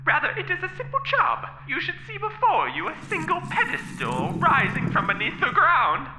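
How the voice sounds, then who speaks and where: Woman voicing a magically amplified villain booming from everywhere. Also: big pitch swings, normal speed, noisy background, full character voice. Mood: gloating. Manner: grandiose, laughs maniacally. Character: booming male dungeon villain, gleeful and theatrical. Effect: magically amplified voice booming from all around. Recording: echoey, dull lo-fi sound.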